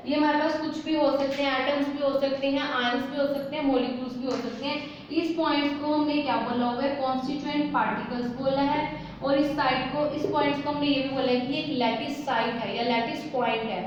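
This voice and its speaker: A woman with a high voice teaches a chemistry class, asking questions and answering them herself. The sound is dull and lo-fi, with faint noise behind it. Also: steady tone, brisk, heavy reverb. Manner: asks questions and answers them herself, mixing English terms into Hindi. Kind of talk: classroom lesson explaining at a board.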